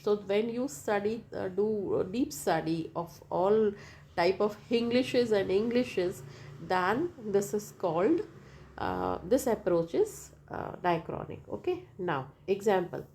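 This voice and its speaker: A woman with an Indian accent giving a lecture explanation as a teacher, halting and repetitive, often checking in with "right?". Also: medium pitch, creaky, darkish tone. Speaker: linguistics teacher.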